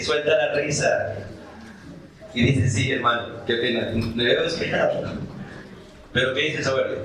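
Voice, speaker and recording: A male pastor preaching a sermon, animated, asking the congregation questions and acting out short dialogues. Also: mid-range voice, echoey room, low-quality recording. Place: church.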